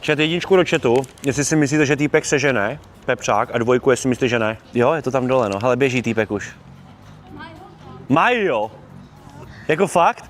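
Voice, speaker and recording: A man's voice: mid-range voice, lively intonation. A young man with a Czech accent streaming live in a shopping mall, joking around with fans in slangy, upbeat casual talk. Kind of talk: casual IRL livestream chat with fans. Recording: crowd and noise of a busy mall.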